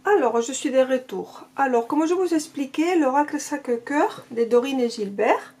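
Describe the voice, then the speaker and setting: A woman's voice: high voice, warm tone, slightly rough. Gushing woman with a non-native accent. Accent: non-native French accent. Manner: gushing, repeats praise. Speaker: oracle card reviewer. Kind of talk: casual unboxing chat.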